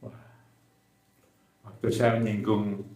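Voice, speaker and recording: A man preaching a sermon, telling a personal testimony in an animated way and often addressing the congregation directly. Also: lowish voice, takes it slowly, reverberant. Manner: animated storytelling, often addressing listeners as "saudara". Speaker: evangelist preacher. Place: church hall.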